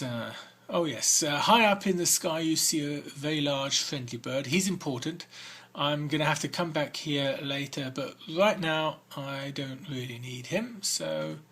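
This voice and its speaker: A man's voice: medium pitch, gravelly, fairly bright tone, breathy edge. A man hosting a game walk-through, reading the game's text aloud between hesitant comments full of fillers. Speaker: let's-play host.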